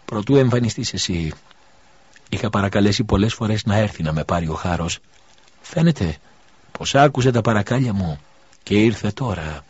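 A man's voice: on the low side, lively intonation, long pauses, darkish tone. A man reading an audiobook voices a dying widow mother who speaks weakly, pleading and tender. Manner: faint, pleading, breathy delivery. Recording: dull lo-fi recording.

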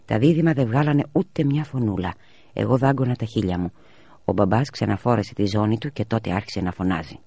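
Man, audiobook reading, measured pace, gravelly, dry close sound. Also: fairly low pitch, warm tone, no room sound. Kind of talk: audiobook reading of a children's story.

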